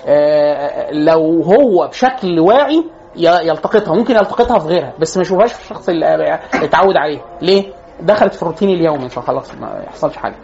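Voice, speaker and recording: A man's voice: on the high side, lively intonation, fast talker, gravelly, darkish tone, lo-fi sound, slight background noise. A man with an Egyptian accent giving an informal psychology lecture to a class, chatty and joking, often restarting his phrases. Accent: Egyptian Arabic.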